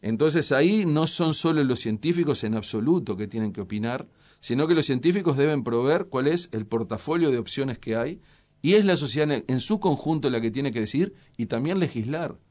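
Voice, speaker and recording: A middle-aged man with a Uruguayan accent, answering interview questions as a scientist in a measured, explanatory way with frequent hesitations. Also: medium pitch, expressive, darkish tone. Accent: Uruguayan Spanish. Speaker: scientist guest.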